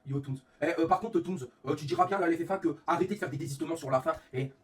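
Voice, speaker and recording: Fuming fast-talking man. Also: fairly high pitch, far from the mic. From northern France. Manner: fuming, swearing constantly, rapid and animated. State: sick with a fever, voice affected. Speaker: streamer and league organizer. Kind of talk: angry live-stream rant. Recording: faint room ambience, off-mic.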